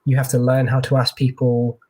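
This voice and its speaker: A man's voice: mid-range voice, monotone, fairly quick, warm tone. A man working as a tech recruiter, chatting casually in an interview with lots of fillers and restarts, heard over a video call.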